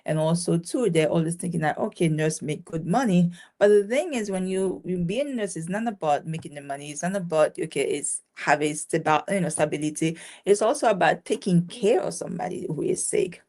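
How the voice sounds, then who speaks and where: This interview guest, a caregiving business owner born in Haiti, talks briskly with few pauses in a lowish, darkish voice full of lively intonation. She's chatty and casual, with many restarts, lots of fillers and an easy laugh.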